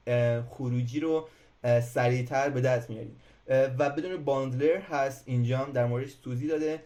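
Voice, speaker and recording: Mellow-voiced man giving a hesitant coding tutorial. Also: medium pitch. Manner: hesitant, many filler sounds and restarts. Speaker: programming instructor. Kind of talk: casual screen-recorded coding tutorial.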